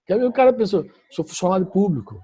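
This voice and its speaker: A man's voice: sits high, animated, fast, dark tone, breathy edge, dry recording. A middle-aged male pastor from Brazil tells a personal testimony to his church audience. He speaks emphatically and repeats himself, often correcting his words as he goes. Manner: emphatic, repetitive storytelling with self-corrections.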